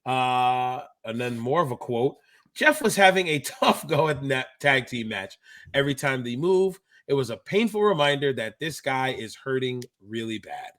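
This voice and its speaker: This bright, forceful voice belongs to a thirty-something active pro wrestler who co-hosts a wrestling podcast. Speaking at a normal speed with medium pitch and lively intonation, he keeps the chat and commentary informal and full of insider slang.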